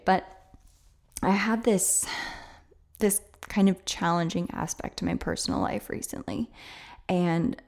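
A woman with vocal fry from a sore throat, slightly losing her voice, speaking candidly and hesitantly as a solo podcast host. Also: mid-range voice, darkish tone. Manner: hesitant, confessional, conversational.

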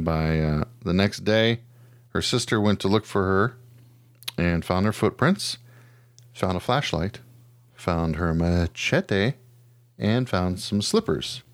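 A low-sitting man's voice with no room sound. He hosts a podcast, trading casual chat about odd news with a co-host in a slangy, jokey, profane manner.

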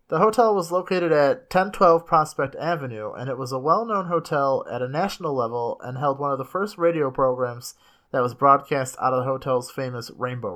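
Podcast host rattling off history, swears a lot, jokey and quick. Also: medium pitch, a bit bright. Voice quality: fast, swears freely, jumps into silly voices. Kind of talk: casual comedic chat.

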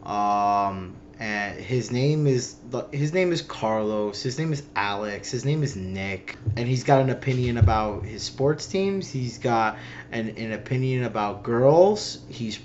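A relaxed young man from Miami rambles casually and breaks into laughs often. His voice sits in a middle pitch. The audio is a little dull, with a faint hiss behind him. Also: measured pace. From Miami, Florida. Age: 20s. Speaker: guest, host's roommate. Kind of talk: casual improvised description.

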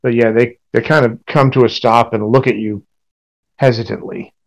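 A man narrating a tabletop role-playing game as game master, piecing his descriptions together haltingly. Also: mid-range voice, steady tone, gravelly.

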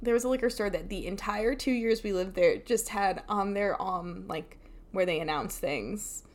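A woman's voice: medium pitch, moderate pace. A woman co-hosting a podcast, telling rambling stories in casual chat and giggling often. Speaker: podcast co-host.

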